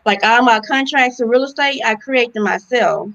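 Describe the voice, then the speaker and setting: A woman from Louisiana, a guest in a casual interview, giving relaxed, short answers. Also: a little high, moderate pace, vocal fry, highs cut off. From Louisiana, USA. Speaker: guest, real estate investor.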